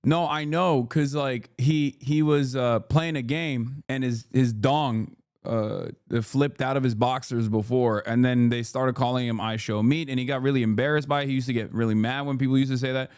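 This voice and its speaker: A man's voice: medium pitch, fairly even intonation, normal speed, few pauses, darkish tone, smooth, dry recording. A man in his thirties, raised in Turkey, chats loosely and profanely over clips he is reacting to. He rambles and throws in joking asides. The recording is dry and close. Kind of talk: casual reaction commentary.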